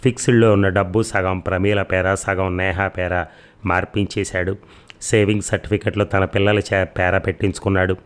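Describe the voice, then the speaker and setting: Male audiobook narrator, very low voice, steady reading. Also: moderate pace, smooth. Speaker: storyteller.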